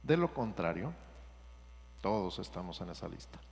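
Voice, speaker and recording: A man's voice: low-pitched, very animated, moderate pace, vocal fry. A man preaching a sermon as pastor and leading a prayer for the congregation to repeat. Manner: earnest, leads a repeat-after-me prayer. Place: church sanctuary. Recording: church hall reverb with music underneath.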